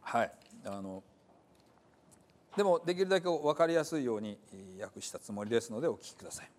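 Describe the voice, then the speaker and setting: Lively Japanese pastor preaching. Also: male voice, mid-range voice, a little fast. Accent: Hiroshima dialect in the reading. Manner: lively, many fillers, shifts between calm explanation and emphatic points. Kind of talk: sermon with scripture reading in dialect.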